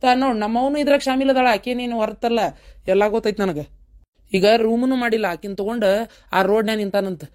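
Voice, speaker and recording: A woman's voice: on the high side, fairly even intonation, quick pace, darkish tone, lightly acted. A woman voicing a stern, scornful elder brother in a cartoon, speaking with a North Karnataka accent and lecturing curtly. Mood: gossiping. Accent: North Karnataka Kannada. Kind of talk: cartoon voice acting.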